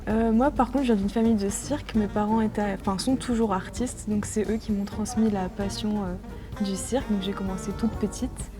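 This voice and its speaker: A woman's voice: medium pitch, fairly even intonation, normal speed. A young woman from France, a circus flyer chatting cheerfully in an interview with many fillers. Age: young adult. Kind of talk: interview testimony. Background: guitar music.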